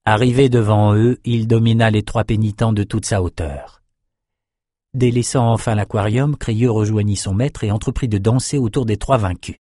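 A man narrating a dark fantasy audiobook in a measured storytelling voice. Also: on the low side, steady tone, no room sound, clean studio sound.

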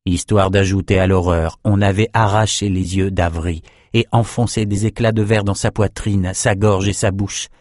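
A man narrating a fantasy novel as an audiobook in a measured storytelling voice. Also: low-pitched, a little mellow, no room sound, studio quality.

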